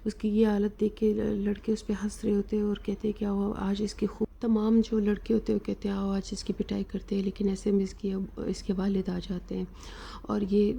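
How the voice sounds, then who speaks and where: A woman narrating an episode recap of a drama, retelling the plot with fillers and pauses. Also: medium pitch, vocal fry, warm tone, breathy edge.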